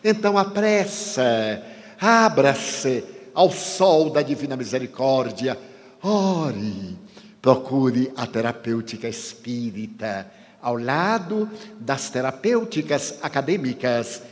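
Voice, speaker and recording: A man giving a spiritist lecture, speaking emphatically, slowing down to stress key words, with dramatic pauses. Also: medium pitch, sing-song. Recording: long hall reverb.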